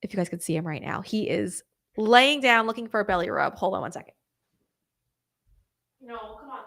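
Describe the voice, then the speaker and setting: A young woman hosting a live stream, chatting casually and rambling through viewer comments with quick apologetic asides. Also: mid-range voice, animated, creaky, a bit bright. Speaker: host of a political live stream.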